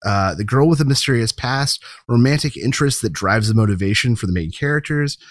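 Expressive and a little quick, this man speaks in a medium pitch while co-hosting a podcast, pressing his opinions about films with casual emphasis. The studio recording is clean, with no echo.

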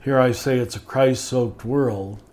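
Speaking in a mid-range, slightly mellow voice with fairly even intonation, an older man shares ideas as a spiritual teacher on a podcast. He is thoughtful and measured, slowing down to stress key words.

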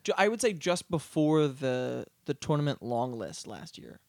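A man's voice: medium pitch, moderate pace, gravelly, no room sound. Chatty man in a dry booth. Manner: relaxed, chatty, trails off with fillers. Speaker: podcast co-host. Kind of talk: casual book chat.

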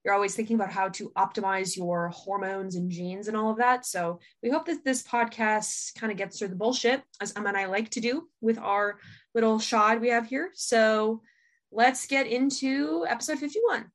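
A woman's voice: on the high side, moderate pace. A young woman co-hosting a casual podcast. She sounds upbeat and playful, keeping her talk light and conversational. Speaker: podcast co-host. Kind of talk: casual chat.

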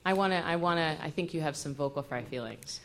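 A woman's voice: low-pitched, quick pace. A woman casually moderating a panel and putting questions to the others, on a somewhat noisy recording. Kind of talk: casual interviewing.

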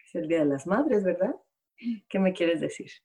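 A woman co-hosting a casual talk show from home over a video call, lively and laughing as she chats with her daughter. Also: fairly low pitch, normal speed. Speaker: co-host. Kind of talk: casual TV chat.

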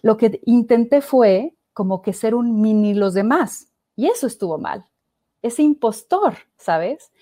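Her voice is a little high and her pace measured, recorded in studio quality without room sound. A podcast guest in her thirties with a Mexican Spanish accent, she narrates her story expressively in a casual interview, acting out the voices of others.

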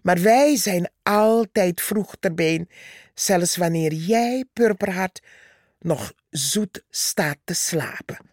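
A woman voicing a tiny, bold female red ant who stays calm and unimpressed, in a storybook reading. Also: on the low side, slow, no echo, studio quality. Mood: cheeky.

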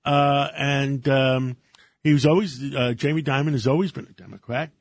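An older man born in Greece co-hosts a radio show, talking casually in halting bursts full of fillers and restarts. His voice is medium-pitched, with no echo.

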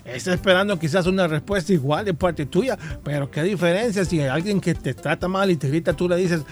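High-voiced playful man on children's radio. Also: fairly quick. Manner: playful, animated, teasing. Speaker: children's radio show co-host.

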